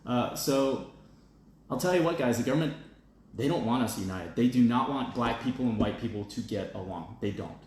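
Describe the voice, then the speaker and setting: A man's voice: medium pitch, moderate pace, a little mellow. A man hosting an opinion show, giving a blunt, emphatic casual monologue and often checking in with "okay?" and "all right?", then reading out viewer comments. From United States. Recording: very echoey room.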